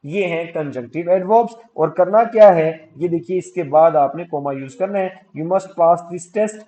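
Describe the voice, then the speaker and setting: A man teaching English grammar for exam prep, switching between Hindi-Urdu and English and reading example sentences slowly with stress. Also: on the high side, mellow. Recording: dull lo-fi sound.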